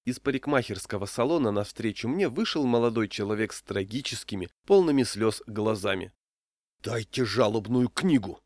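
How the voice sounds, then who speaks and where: A man reading a humorous story aloud with wry, deadpan narration. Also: fairly low pitch, fairly quick, hardly any pauses, no echo. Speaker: reader.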